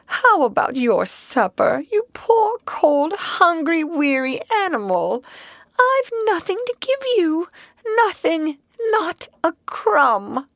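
A woman voicing a small, despairing male mole who wails in a high, quavering voice. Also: very animated, slow, fairly bright tone, no echo, heavily acted. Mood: moaning.

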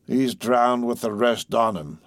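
A superstitious old sailor speaks in a grave, ominous hush, as a male reader puts him on. The pace is slow and weighted. It is recorded dry and close. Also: medium pitch, no room sound, lightly acted.

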